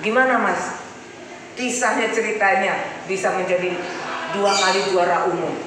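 A woman's voice: mid-range voice, steady tone, moderate pace. A woman reporter asking chatty, friendly questions in a casual interview at a karate dojo. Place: indoor trophy room of a karate dojo. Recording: echoey room, voice from far off, crowd noise.

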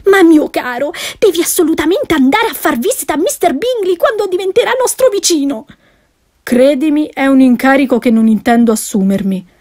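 An excitable, fussy middle-aged mother from an audiobook, as a woman puts her on, her voice pitched well up and bright with eagerness as she exclaims and pleads. The tone underneath stays soft and mellow. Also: normal speed. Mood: pleading. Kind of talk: audiobook character reading.

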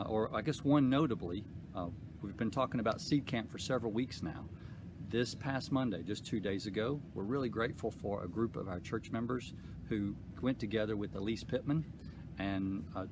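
Pastor, man, 40s: low, deliberate delivery full of "uh"s, recorded outside with steady background noise. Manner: unhurried, halting with many fillers. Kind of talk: church update and prayer. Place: outdoors on a church lawn. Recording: outdoor noise behind voice.

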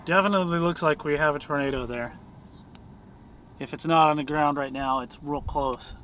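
A man's voice: fairly high pitch, moderate pace, a bit bright. A man giving casual live commentary to viewers as a storm chaser livestreaming. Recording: clear vehicle and ambient noise.

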